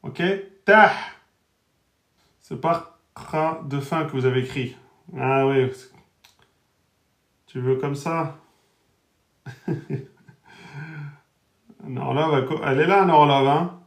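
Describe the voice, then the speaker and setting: A man teaching Arabic letters in a live online lesson, spelling out each letter and vowel and repeating every word slowly. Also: fairly high pitch, fairly even intonation, roomy sound. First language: French speaker teaching Arabic.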